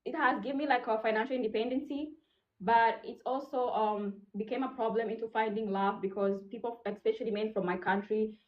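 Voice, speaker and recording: Hesitant young woman from Rwanda on a call. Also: medium pitch. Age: 20s. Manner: hesitant, lots of fillers. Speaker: caller. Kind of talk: casual call-in talk. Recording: dull call audio.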